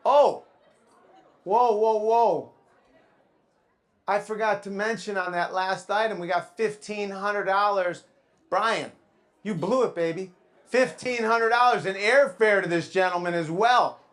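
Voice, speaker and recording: A man's voice: sits high, unhurried, pauses often, fairly bright tone. A man working as a live auctioneer, calling out bids to a room and teasing the bidders like a showman.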